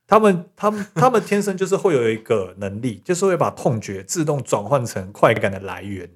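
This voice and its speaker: A man tells a story at a brisk, hurried clip. He is co-hosting a relaxed podcast chat. He laughs easily and trails off his sentences casually. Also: medium pitch, breathy edge. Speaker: podcast co-host.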